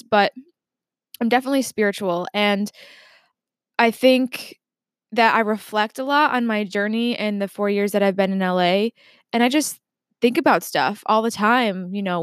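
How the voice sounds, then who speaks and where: A woman's voice: mid-range voice, smooth, no echo. Chatty young woman, dry close sound. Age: 20s. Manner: chatty and reflective, with many restarts and fillers. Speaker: podcast host. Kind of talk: casual solo podcast intro. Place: home desk.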